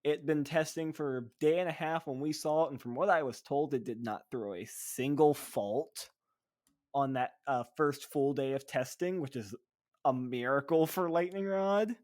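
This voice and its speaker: A man's voice: on the high side, moderate pace, darkish tone, dry recording, studio quality. A man co-hosting a podcast, chatting enthusiastically with frequent fillers. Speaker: podcast co-host. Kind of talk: casual podcast chat.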